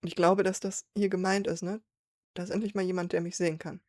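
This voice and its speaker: A woman's voice: lowish voice, level tone, fast, darkish tone, no echo. A woman hosting a song reaction, thinking aloud as she explains the lyrics line by line. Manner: thoughtful, reflective, with fillers. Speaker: reaction video host.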